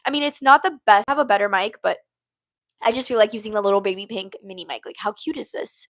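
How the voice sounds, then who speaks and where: Speaking fast in a medium-pitched, somewhat bright voice, a woman in her twenties runs a laid-back livestream like a podcast, reacting to live comments. Bubbly and giggly, she rambles and leans on "like" often, holding a small mini mic at home.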